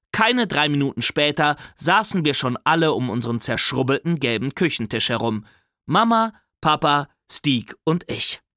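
A man reading a children's story aloud as a young boy's first-person narration, animated and playful. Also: fairly high pitch, dry recording, clean studio sound. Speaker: audiobook reader.

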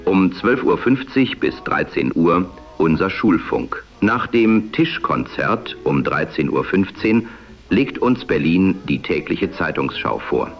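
A man announcing a programme formally and with measured delivery in 1940s AM radio style, with an old radio sound. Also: sits low, big pitch swings. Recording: dull band-limited old radio sound. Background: music.

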